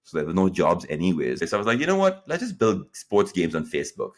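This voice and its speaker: A man in his late thirties from Pakistan, a guest entrepreneur telling his story in a lively interview, acting out quoted dialogue. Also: fast. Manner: animated, acts out quoted dialogue with jumps in pitch.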